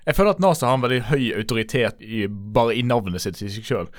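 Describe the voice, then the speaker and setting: A man's voice: medium pitch, expressive, no echo. A man co-hosting a radio comedy show in a studio, talking in a laid-back, dry way. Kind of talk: casual comedic chat.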